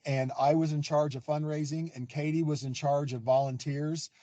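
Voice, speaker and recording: Man, event organizer, upbeat motivational talk, slightly high voice, dry video-call sound. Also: little pitch movement, normal speed, mellow, no echo. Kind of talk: webinar conversation. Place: parking lot.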